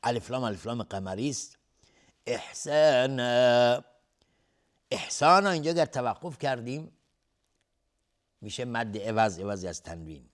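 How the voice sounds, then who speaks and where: A man with a Persian accent teaching Quran recitation rules. He chants verses slowly and loudly, then explains each rule in quick, plain speech. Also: mid-range voice, big pitch swings.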